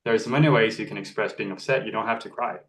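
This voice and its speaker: The young Norwegian actor-model talks quickly in a lowish voice, picked up far from the mic in an echoey space. In this relaxed, reflective interview he speaks earnestly and keeps restarting phrases.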